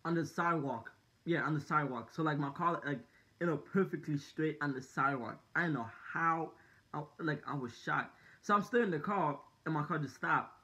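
A man's voice: on the high side, moderate pace, sharp tone. A young man vlogging, telling a story in a casual, rambling way, full of fillers and slang.

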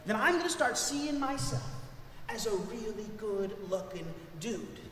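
A male pastor preaching a sermon in an animated way, his voice rising for emphasis. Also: high-pitched, unhurried. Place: church sanctuary. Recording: echoey church hall with long reverb.

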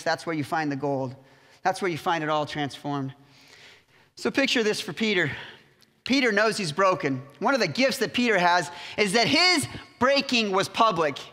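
Bright-voiced pastor preaching in a reverberant church. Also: male voice, fairly high pitch. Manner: storytelling, animated retelling with humor. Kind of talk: sermon. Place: church sanctuary.

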